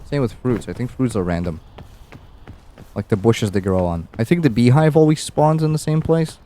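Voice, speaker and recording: A man's voice: medium pitch, normal speed, dark tone, a little hiss or hum. A young man streaming a game, rambling and musing aloud with easy chuckles as he plays. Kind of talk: casual gameplay commentary.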